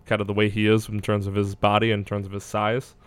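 Casual male sports analyst, low and flat delivery, clean dry sound, works out his thoughts as he speaks. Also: fast talker, clear, resonant tone, dry recording. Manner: hedging, thinking aloud. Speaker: basketball draft analyst.

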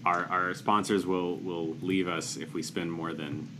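A man's voice: sits low, flat delivery, unhurried, background noise. A young man co-hosting a podcast, talking casually and hesitantly with many restarts. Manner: hesitant, stumbling restarts, apologetic. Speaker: podcast co-host. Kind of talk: casual chat about a movie.

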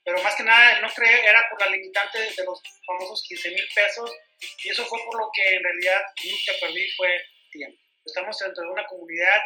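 A woman's voice: medium pitch, fairly even intonation, a little fast, reverberant, over music, poor audio. A woman co-host from Mexico, speaking sincerely in a casual chat.

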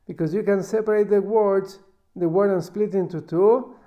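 A man giving a Talmud lesson as a religious teacher, reading and explaining in a halting, emphatic way with repeated words. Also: high-pitched, fairly even intonation. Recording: dull, lo-fi recording.

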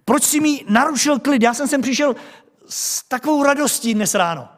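A man's voice: very high-pitched, in a large hall, pitched above the performer's own voice. A preacher voicing a whiny, aggrieved man who complains about being disturbed, protesting again and again. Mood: whiny indignant.

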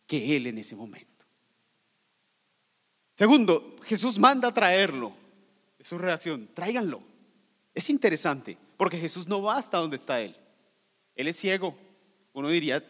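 A man preaching a sermon as pastor, swinging from loud cries down to hushed near-whispers. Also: fairly high pitch, husky, big-room sound.

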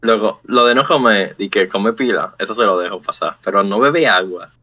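A man's voice: fairly low pitch, moderate pace, pushed and bright. A young man with a Dominican accent chatting casually with friends in slangy speech. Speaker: podcast co-host.

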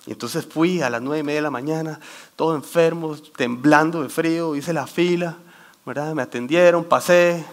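A man giving a sermon talk, telling a lively story and quoting scripture while getting over a cold. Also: a little high, normal speed. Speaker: church youth speaker.

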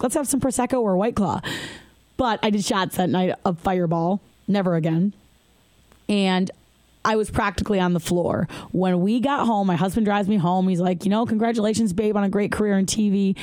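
A woman's voice: on the low side, a little mellow, no room sound. A woman hosting her own podcast, chatting candidly and laughing now and then as she tells a personal story. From Michigan. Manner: chatty, candid, laughs while telling stories. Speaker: podcast host.

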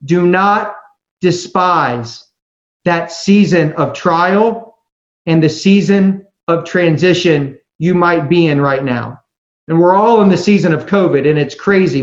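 A man preaching in a conversational, exhorting style, earnest and emphatic, as if to youth leaders. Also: high voice. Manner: earnest, emphatic, slows for scripture and key phrases. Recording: echoey room, slightly dull sound.

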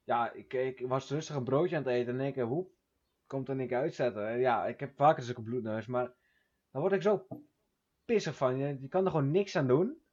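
Relaxed young man, dull recording. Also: medium pitch, a little fast. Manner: relaxed, repeats words when he starts a sentence. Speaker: podcast co-host. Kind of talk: casual chat.

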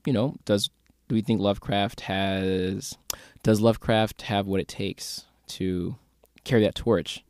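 A man with a fairly low voice talks through a TV episode in casual review chat. He is thoughtful and analytical and leans on fillers as he works through his ideas. The sound is close and dry, with no room around it. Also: fairly even intonation, measured pace, darkish tone, clean tone, no room sound. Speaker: podcast co-host.

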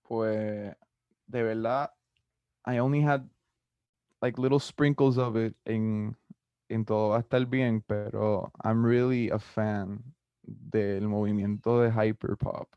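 A young man of twenty with a Puerto Rican Spanish accent, a musician answering interview questions in a relaxed, rambling way with many fillers. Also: lowish voice, slow, smooth, no room sound, muffled recording. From Puerto Rico. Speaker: musician guest. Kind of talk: casual interview, mixing Spanish and English.

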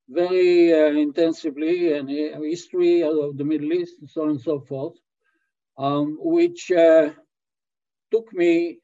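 A man in his eighties from Israel with an Israeli accent, answering interview questions slowly with many hesitations over a remote call. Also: fairly high pitch, mellow. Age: 80s. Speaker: guest. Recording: dull lo-fi call audio.

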